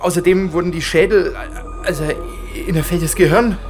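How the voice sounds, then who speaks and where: With music playing behind him, a man with a high voice and steady tone acts out a frightened police inspector in a radio drama. The shaken character reports from a massacre, stammering and halting and becoming increasingly panicked.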